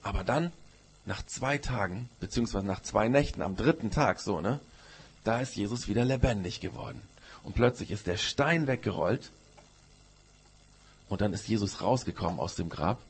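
A man's voice: on the low side, animated, moderate pace, slightly rough. A man, a pastor telling a Bible story to children in church, with many questions to them. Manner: storytelling to children, asks questions, uses "gell".

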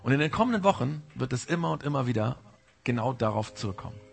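A man preaching a sermon, speaking directly and informally to the congregation and sometimes acting out a gentle inner voice that warns. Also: medium pitch, lively intonation, fast, gravelly. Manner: mimics the Holy Spirit's gentle warning. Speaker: pastor.

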